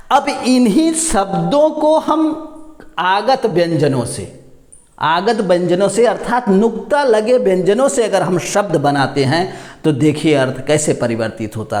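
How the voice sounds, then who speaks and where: A man teaching Hindi grammar, explaining each word slowly and answering his own questions as he goes. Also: high-pitched, big pitch swings, darkish tone, echoey room. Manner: repeats words, asks and answers own questions. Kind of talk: classroom explanation.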